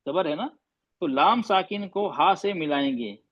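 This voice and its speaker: A man's voice: fairly high pitch, animated, measured pace, fairly bright tone, lo-fi sound. A man teaching a class, patient, asking questions and repeating his points, mixing in English terms. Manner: mixes Hindi with English terms. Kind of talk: classroom lesson.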